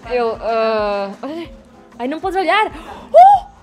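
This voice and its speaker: A young woman with a European Portuguese accent, chatting excitedly in a casual vlog filmed on a handheld camera. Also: high voice, measured pace, over loud music. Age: young adult. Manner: chatty, excitable, talks to her cat. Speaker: vlogger. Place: home kitchen and garden.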